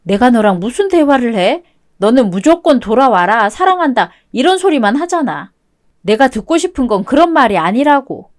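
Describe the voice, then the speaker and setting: A woman's voice: a little high, sing-song, moderate pace. A woman reading a web-toon radio drama as narrator and wronged wife, cold and cutting.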